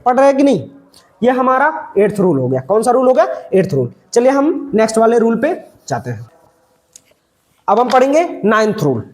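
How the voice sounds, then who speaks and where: A man teaching English pronunciation, repeating each word and asking himself what it is read as before answering. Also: extremely high pitch. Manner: repeats words and quizzes himself with questions; stretches out key sounds slowly. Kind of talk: pronunciation lesson.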